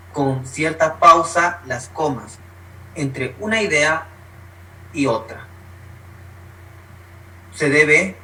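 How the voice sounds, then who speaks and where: A man's voice: bright, forceful tone, recorded from a distance, low-quality recording. A man giving an online workshop lesson, explaining points step by step and acting out short spoken examples. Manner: instructive, uses spoken examples, varies pitch for emphasis. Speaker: workshop presenter.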